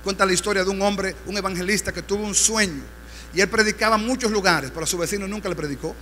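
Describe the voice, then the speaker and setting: A man's voice: high-pitched, quick pace, pushed and bright. A man with a Dominican accent, a pastor preaching a fervent sermon with rising exhortations in a church. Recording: reverberant church hall, faint hum.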